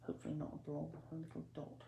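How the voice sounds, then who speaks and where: Woman, low slow voice, chatty crafting host, faint background hiss. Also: completely flat delivery, vocal fry, dark tone. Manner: chatty, self-deprecating, mutters to herself while working. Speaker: card-making demonstrator. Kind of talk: casual crafting tutorial.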